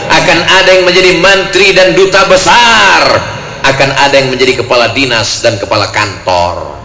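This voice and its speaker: Man, preacher, from Riau, Sumatra, slightly high voice, shouts in bursts, echoey hall. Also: normal speed. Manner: animated, jokes and acts out quoted voices, sudden shouts. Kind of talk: lively sermon to a crowd. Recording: echoey hall with long reverb, faint noise.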